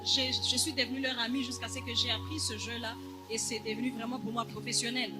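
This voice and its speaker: High-pitched man, live church interpreter, hesitant and halting, music playing behind. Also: little pitch movement.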